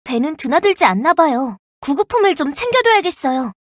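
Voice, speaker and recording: A voice actress playing a young, earnest and protective firefighter in a game, polite and gentle, snapping into crisp radio-style reports. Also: female voice, sits high, big pitch swings, a little fast, dry recording, clean studio sound. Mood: calm, gentle. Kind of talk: game character voice lines. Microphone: dry studio mic.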